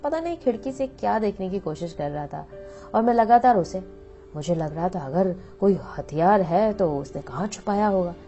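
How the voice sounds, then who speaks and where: A woman telling a first-person story in a calm, expressive reading voice. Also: medium pitch, normal speed. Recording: dull lo-fi audio with faint background music.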